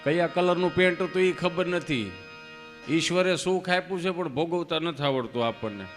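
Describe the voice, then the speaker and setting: A man's voice: fairly high pitch, fairly bright tone. A man doing live stand-up folk comedy, a chatty storyteller who slips into moral asides. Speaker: stage comedian. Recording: long hall reverb, faint music.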